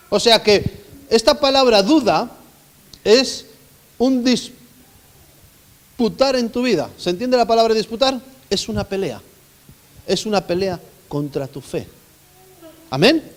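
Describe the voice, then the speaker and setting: A man preaching a sermon as pastor, emphatic and dynamic, often asking the congregation questions. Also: very high voice. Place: church hall. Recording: long hall reverb.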